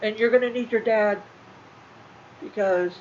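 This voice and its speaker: A middle-aged woman, talking casually and emotionally to her viewers, halting and repeating herself. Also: fairly high pitch, darkish tone. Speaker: channel host. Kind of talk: casual talk to livestream viewers. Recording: slightly muffled with faint room noise.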